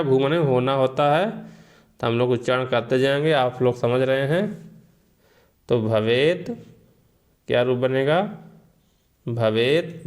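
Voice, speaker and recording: A man teaching a Sanskrit grammar lesson, drilling listeners with slow call-and-repeat recitation. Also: medium pitch, darkish tone.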